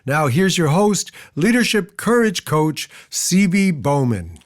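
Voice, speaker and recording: A man's voice: a little high, big pitch swings, slow pace. A man reading a scripted podcast intro in a polished announcer style. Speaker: show announcer. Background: faint music.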